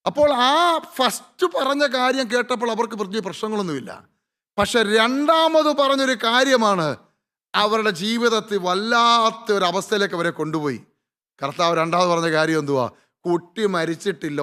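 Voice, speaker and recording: A man preaching a sermon as a pastor, dramatic, with slow drawn-out emphasis and frequent interjections of praise. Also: high-pitched, animated, bright, forceful tone.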